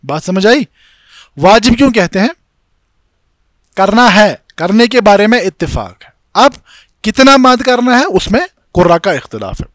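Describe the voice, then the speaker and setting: A Kashmiri man lectures on recitation rules in a fairly high voice, moving through each rule step by step. He keeps pausing to ask whether his students are following. The sound is close and dry, with no room around it. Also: very animated, a bit bright, no room sound. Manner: chants Arabic examples slowly and drawn out. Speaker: tajweed instructor. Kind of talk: classroom lecture with slides.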